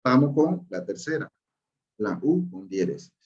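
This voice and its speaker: A man's voice: medium pitch, very animated, measured pace, darkish tone, muffled recording. A man teaching a language lesson, patiently explaining pronunciation, repeating key points and checking in with his listeners.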